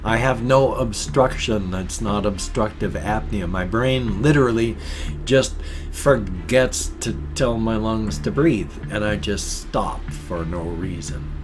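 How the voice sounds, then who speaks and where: An older man giving a casual personal monologue as a vlogger, halting and correcting his words, his speech slightly slurred by ill-fitting dentures. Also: fairly low pitch, music in the background.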